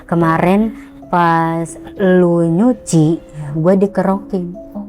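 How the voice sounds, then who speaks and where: Girl telling a ghost story all worked up, mellow tone, faint music behind. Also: lowish voice, slow. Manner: excited, animated, acts out quotes. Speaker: guest storyteller.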